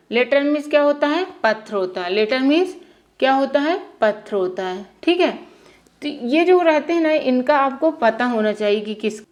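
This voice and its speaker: Woman, from India, high-pitched, English teacher, casual lesson, repetitive, checks in often. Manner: repetitive, explains each word twice, checks in with "theek hai".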